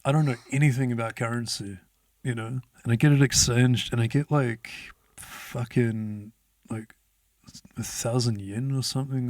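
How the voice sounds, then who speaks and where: A man's voice: mid-range voice, dry recording. A man, telling a story as an interview guest in a laid-back way, swearing often and laughing as he goes. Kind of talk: casual storytelling.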